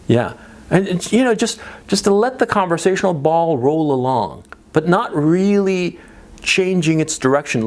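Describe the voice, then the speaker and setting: A middle-aged male dating coach whose first language is Spanish lectures in a rambling monologue, hammering points home by repetition and rhetorical questions. His voice sits somewhat high for a man, with a gravelly, creaky edge and a very animated pitch. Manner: rhetorical questions, frequent "right?" and "okay?" tag checks; repeats himself for emphasis. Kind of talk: monologue giving dating advice.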